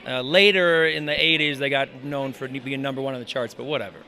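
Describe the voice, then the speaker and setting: A man speaks in a bright, forceful voice at an ordinary pitch, as a screenwriter interviewed on a red carpet. His delivery is chatty and informal, like casual storytelling. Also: a little fast.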